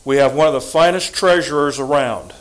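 An older man from the United States giving a prepared, formal statement to a school board, deliberate and emphatic. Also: on the high side, poor audio. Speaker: public commenter at school board meeting.

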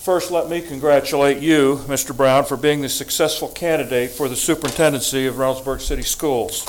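A man's voice: mid-range voice, fairly even intonation, slight background noise, rough recording. Older man giving a formal public address. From United States. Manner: formal, deliberate, emphatic. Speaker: public commenter at school board meeting. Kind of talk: prepared public statement.

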